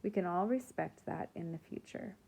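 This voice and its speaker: Woman reading a nice teacher lady, calm and reassuring, low mellow voice. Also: normal speed, gravelly, husky. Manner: warm, reassuring. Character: kind, encouraging female teacher.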